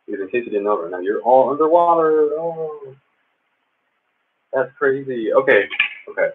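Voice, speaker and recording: Muddy speaker-as-mic sound, husky man rambling. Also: mid-range voice, expressive, normal speed. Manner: rambling, thinking aloud. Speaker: live streamer drawing comic art. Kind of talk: casual livestream chat while drawing. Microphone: Bluetooth speaker used as a microphone. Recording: muddy, phone-like Bluetooth speaker used as mic.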